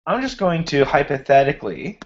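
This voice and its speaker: Over an online video hangout, a finance instructor with a fairly high, very animated voice screen-shares a spreadsheet lecture, slowly thinking aloud as he formats cells. He's losing his voice and clears his throat, and the computer mic makes it sound muffled.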